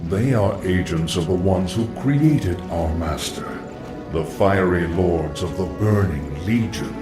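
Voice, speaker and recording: A man voicing an ancient, solemn undead lich with a hollow rasp, in a video game. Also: sits low, animated. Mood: grave, knowing. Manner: solemn, portentous, measured. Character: ancient undead lich, reborn servant of a dark king. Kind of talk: video game cutscene acting. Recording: echoing distant voice under loud music.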